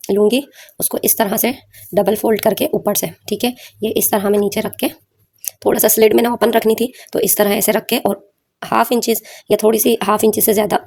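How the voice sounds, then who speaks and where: A warm, medium-pitched female voice leads an informal sewing tutorial, breaking the craft down step by step. She addresses viewers with frequent check-in tags and clears her sore throat again and again.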